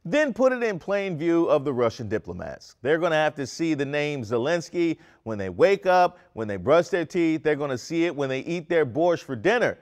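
A man's voice: fairly high pitch, sing-song, normal speed, few pauses. A man in his thirties hosting a comedic news segment, with playful, wisecracking asides. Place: studio set with brick backdrop.

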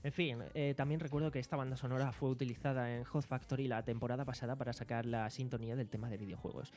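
A man's voice: medium pitch, fairly even intonation, fast, darkish tone, soft background music. A young man with a Spanish accent hosting a casual podcast from a living-room studio, rambling and joking at his own expense. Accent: Spanish from Spain. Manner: rambling, joking, self-mocking. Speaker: podcast host and sound technician. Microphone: desk microphone on stand.

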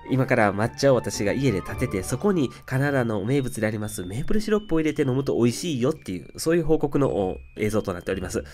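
Man, from Osaka, vlogger, humble polite narration, rapid delivery. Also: mid-range voice, lively intonation, darkish tone. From Osaka, Japan. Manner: humble, very polite, self-deprecating. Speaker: flight attendant vlogger. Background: faint music.

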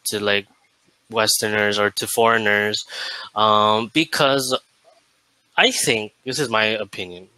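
An American man in his late twenties tutoring English on a video call, relaxed and laughing often. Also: lowish voice, slow, long pauses, clear, resonant tone, no room sound, low-quality recording. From United States. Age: 20s. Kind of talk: casual video call chat. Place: indoor room.

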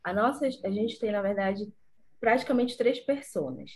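Young woman from northern Brazil, earnest pitch, restarts and fillers, video call, medium-pitched voice. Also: lively intonation, normal speed. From Pará, Brazil. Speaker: entrepreneur pitching her business. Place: home office room.

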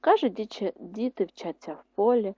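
Woman teacher dictating slowly to kids. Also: medium pitch, warm tone, no echo, lo-fi sound. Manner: slow, clear dictation, repeating words. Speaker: primary school teacher. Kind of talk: online lesson for second graders.

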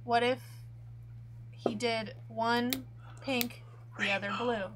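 A woman's voice: fairly high pitch, steady tone, slow, background noise. A woman chatting playfully with friends on a craft livestream. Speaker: guest crafter. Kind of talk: casual group chat.

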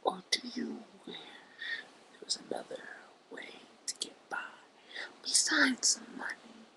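A drunk person rants in a half-whispered rasp, very slowly and haltingly. The voice is creaky, with a sharp edge, and sits close on a phone mic as it broods and rambles. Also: medium pitch, animated, low-quality recording. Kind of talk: rambling rant to camera. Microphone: phone held very close to the mouth.

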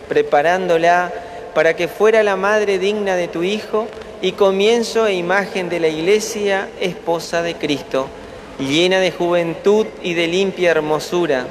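Man, priest, higher-pitched voice, solemn liturgical recitation, cathedral echo, noisy background. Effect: cathedral echo, long church reverb. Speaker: priest celebrating Mass. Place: large basilica. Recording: echoey basilica with background noise.

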